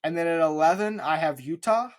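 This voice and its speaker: A young man with a voice pitched a bit higher than most men's talks through his sports picks. He sounds sure of himself and fills his pauses with plenty of uh's and um's. His delivery is casual, like a chat between co-hosts. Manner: confident, leans on fillers. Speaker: podcast co-host.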